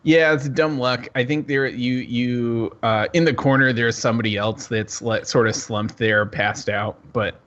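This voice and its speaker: A man's voice: mid-range voice, steady tone, measured pace, hardly any pauses, a bit bright, dull audio. A man running a tabletop game as game master, describing scenes in a loose, easygoing way.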